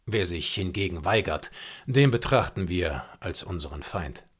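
A man's voice: sits low, animated, unhurried, breathy edge, voice pushed down, exaggerated voice. A man voicing a bold, commanding frontier hunter in an audiobook, speaking firmly and decisively. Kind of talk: audiobook character reading.

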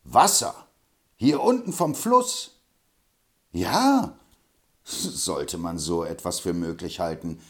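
A man's voice: sits low, big pitch swings, takes it slowly, long pauses, fairly bright tone, full character voice. A man doing a stern frontier hero. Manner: firm and commanding. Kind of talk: audiobook reading.

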